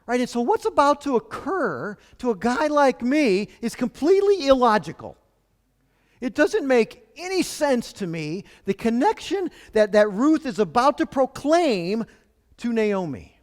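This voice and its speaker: A man's voice: very high voice, very animated, a little slow, long reverb tail. A man preaching a sermon as pastor, in a conversational way with rhetorical questions.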